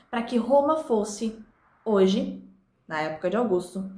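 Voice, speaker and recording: A woman's voice: on the high side, reverberant. A woman teaching a recorded lesson to her viewers, explaining step by step and speaking to them directly. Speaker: literature teacher.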